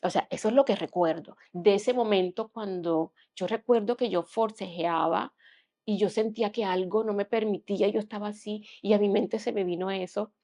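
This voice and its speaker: A young woman recounts a hard personal experience in earnest conversation as a podcast guest. Her voice has a gravelly, creaky edge and sits at a middle pitch. She often drops to a hushed tone. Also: moderate pace.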